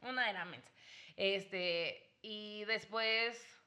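A young Mexican woman telling a story in casual chat, animated, laughing and acting out what people said. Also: medium pitch, slow pace. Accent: Mexican Spanish.

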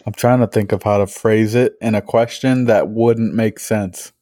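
A man's voice: fairly low pitch, fairly even intonation, normal speed, warm tone, no room sound. A man chatting casually on a podcast, laid-back, asking questions and teasing. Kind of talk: casual chat.

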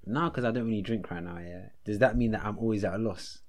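A man's voice: on the low side, fast talker, a little mellow. A young man with a London roadman accent, chatting casually with a friend in a laid-back, slangy way. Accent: London, roadman slang style. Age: young adult. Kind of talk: casual banter between friends.

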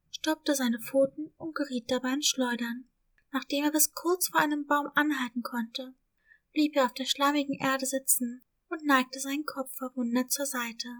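A woman calmly reading a children's story as narrator. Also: high-pitched. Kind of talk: scripted narration.

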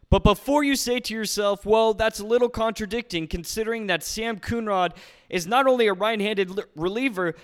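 A man with a high, smooth voice hosts a sports podcast, recorded in a garage. He addresses listeners directly with an upbeat announcer's delivery. His scripted commentary comes through clearly and resonantly. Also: fairly bright tone. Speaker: podcast host.

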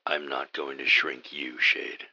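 A radio-play supervillain with a bottomless, hard-edged voice. He is pompous and easily exasperated, delivering slow theatrical menace in a close, dry, slightly dull recording. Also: extremely low pitch, level tone, pushed and bright, exaggerated voice. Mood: smug menace. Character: pompous, exasperated male villain mastermind of evil professorial henchmen. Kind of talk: comic radio drama acting.

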